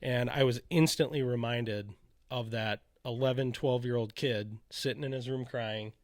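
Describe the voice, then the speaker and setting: A man's voice: mid-range voice, fairly even intonation, moderate pace, no room sound. Man telling his story, dry close sound. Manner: candid, rambling retelling with many "you know" asides. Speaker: podcast co-host telling his faith story. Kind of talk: casual storytelling conversation.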